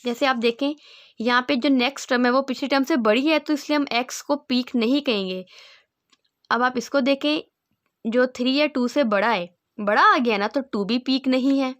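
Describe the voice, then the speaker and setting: Woman teaching a math lesson step by step. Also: high voice. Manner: explains step by step, mixing in English terms and reading definitions slowly; checks in often with "ठीक है ना". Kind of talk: classroom lecture.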